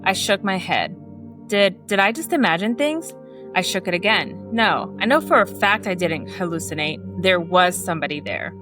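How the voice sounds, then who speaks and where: A woman reading a horror story aloud in a steady way, fixing small slips as she goes. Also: on the low side, moderate pace, over music. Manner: steady narration with small self-corrections.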